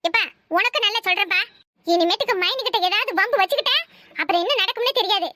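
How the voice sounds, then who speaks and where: Here a woman does cartoon voice acting as a bossy, scheming young wife with a Kanyakumari Tamil accent. She speaks in a very high voice with a sharp tone, chattering fast and scolding, captured in clean studio sound with no room sound.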